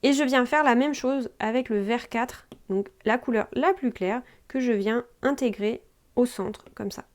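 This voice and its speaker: A woman's voice: fairly high pitch, a little slow. A young woman, hosting a screen-recorded drawing tutorial and speaking to the viewer in a chatty, informal way, often checking in as she goes.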